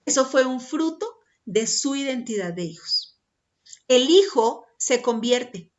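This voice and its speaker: A woman's voice: sits high, expressive, takes it slowly, highs cut off. A woman preaching a sermon emphatically, repeating her points and checking in with the listener.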